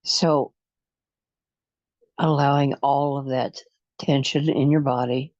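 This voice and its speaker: A guide leads a guided imagery relaxation session in a soothing, hypnotic manner, with long pauses and slow counting. The mid-range voice is steady and darkish in tone, captured on a dull lo-fi recording with no echo.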